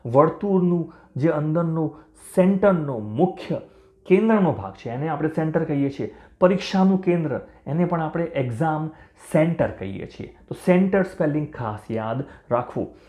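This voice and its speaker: A man teaching English pronunciation to beginners, spelling out words letter by letter and repeating each one slowly and clearly. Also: a little high, lively intonation, narrow, tinny audio. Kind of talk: language lesson for beginners. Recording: roomy echo.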